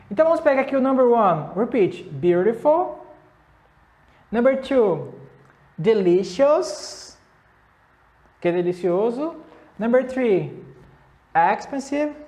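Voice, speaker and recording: A Brazilian woman teaching English comparisons. She says the English examples slowly, then explains quickly in Portuguese. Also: mid-range voice, a little mellow. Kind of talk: classroom lesson.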